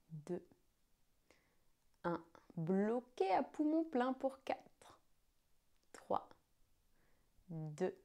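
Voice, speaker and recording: Unhurried woman slowly counting breaths, mellow voice. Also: medium pitch, creaky. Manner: slow breath counting with pauses. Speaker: yoga teacher. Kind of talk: guided breathing exercise.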